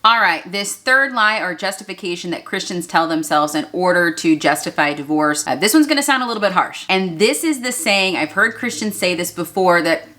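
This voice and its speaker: A woman's voice: on the low side, animated, brisk, few pauses, sharp tone, slight background noise. Earnest blunt woman in her thirties. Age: 30s. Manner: earnest, blunt, preachy, addresses viewers as "y'all" and "you guys". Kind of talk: direct-to-camera advice talk.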